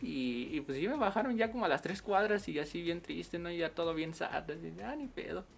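A man with a Mexican accent chatting casually on a game livestream, full of slang and quick laughs. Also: on the high side, lively intonation, creaky, soft background music. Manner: slangy, laughs often while storytelling. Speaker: game streamer.

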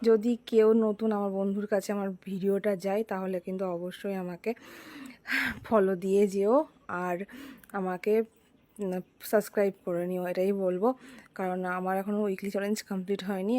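A young woman with a heavy cold, speaking softly and chatting to viewers in a cooking vlog. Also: mid-range voice. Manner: chatty, addresses viewers directly. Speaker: vlogger. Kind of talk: casual cooking vlog narration.

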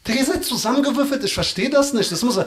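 Slangy stand-up comic, high voice. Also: male voice, rapid-fire, crowd noise. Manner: slangy and teasing, drops "Alter" and "Digga" constantly. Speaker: stand-up comedian. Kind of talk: live stand-up crowd work. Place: comedy club stage before a live audience. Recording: echoey club room with loud hiss and clicks.

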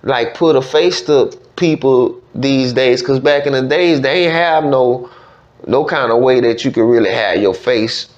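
Sitting at a studio desk, a Southern-accented podcast host interviews a guest in relaxed, slangy speech, repeatedly tagging on "you know what I'm saying." He speaks unhurriedly in a mid-range voice, captured in a dull, lo-fi recording.

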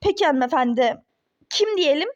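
A woman's voice: high voice, expressive, moderate pace, dull audio. Woman doing a polite secretary, formal and soothing, toy-game drama. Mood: placating. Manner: formal, placating. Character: polite female office secretary.

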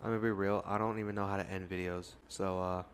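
A young man giving casual gameplay commentary, jumpy and foul-mouthed, yelling and swearing when startled. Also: low-pitched, little pitch movement, quick pace, slight background noise. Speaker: gaming YouTuber.

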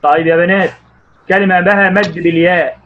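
A man with an Egyptian Arabic accent teaching young pupils online, encouraging them and quizzing them by name, stretching out words slowly as he reads. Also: high-pitched, fairly even intonation, a bit bright, muffled recording. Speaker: primary school Arabic teacher.

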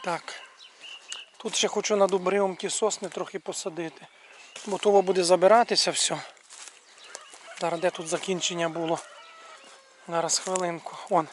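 A man with a fairly high voice ambles around his rural yard and garden, talking casually to the viewers. He keeps pointing things out as he walks. Faint birdsong and outdoor sounds carry softly behind him. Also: steady tone, moderate pace, long pauses, a little hiss or hum. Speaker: video blogger showing his village yard. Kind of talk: casual walk-and-talk video commentary.

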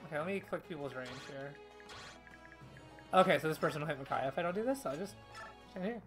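A woman's voice: sits low, expressive, fast talker, faint music behind. Giggly woman chatting over gameplay. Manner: playful, giggly, jokey. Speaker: co-host playing a video game. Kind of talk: casual let's-play chat.

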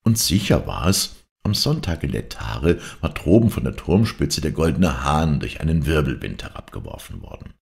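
A man reading a classic novella aloud in a dramatic, expressive storytelling manner. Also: very deep voice, normal speed, gravelly, few pauses. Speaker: audiobook reader.

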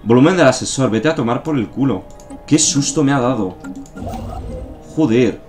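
Speaking in a mid-range, somewhat dark voice at a moderate pace, a Spanish-accented streamer from Spain gives loose gameplay commentary. He thinks out loud, uses fillers, swears and jokes while faint game music sits in the background.

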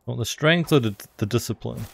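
A man's voice: medium pitch, fairly quick, creaky, breathy edge. A man streaming a game, giving offhand, chatty commentary in short remarks. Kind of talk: casual gameplay commentary. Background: game music.

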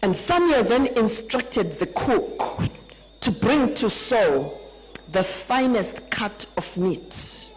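Slow emphatic Zimbabwean woman preacher. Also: sing-song, poor audio. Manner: emphatic, swoops between loud high peaks and low deep drops. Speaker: apostle preaching at a conference. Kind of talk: sermon.

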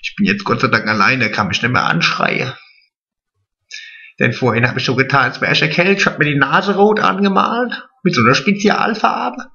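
A man's voice: medium pitch, normal speed, creaky, pushed and bright, muffled recording. A man playing a vain, chatty, naive middle-aged woman in a drag comedy monologue, stretching his words. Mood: gossipy.

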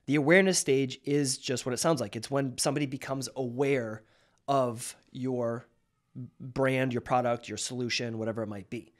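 A man's voice: medium pitch, fairly even intonation, normal speed. Man in his thirties with a mid-range voice, hosting and talking through ideas casually, often restarting. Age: 30s. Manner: conversational, with frequent restarts and rhetorical "right?". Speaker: marketing host. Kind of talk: casual explainer monologue.

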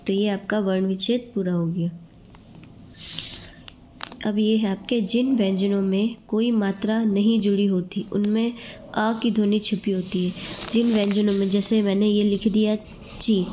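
A woman's voice: medium pitch, fairly even intonation, measured pace, mellow, a little hiss or hum. A woman teaching a grammar lesson to students. She explains step by step and keeps checking in with them.

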